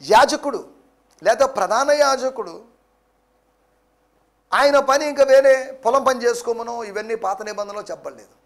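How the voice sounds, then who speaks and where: High, gravelly male preacher. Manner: preaching with English phrases mixed in, emphatic. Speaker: pastor. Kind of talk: sermon.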